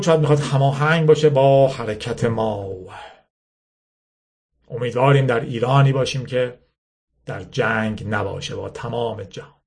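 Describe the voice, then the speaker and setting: Steady male audiobook narrator. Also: medium pitch. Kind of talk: reading a novel aloud.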